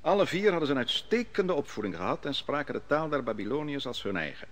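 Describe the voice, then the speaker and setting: In a 1950s Dutch radio drama, an actor voices a narrating prophet, a grown exile solemnly recalling his youth at a foreign king's court. His medium-pitched voice is sing-song and fairly bright, and his storytelling is measured and solemn.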